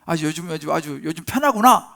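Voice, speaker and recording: Pastor guy doing an angry ancient king yelling orders, high and loud, gravelly edge. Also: animated, fast. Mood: furious. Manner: scolding, shouting. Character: furious domineering ancient king, male adult.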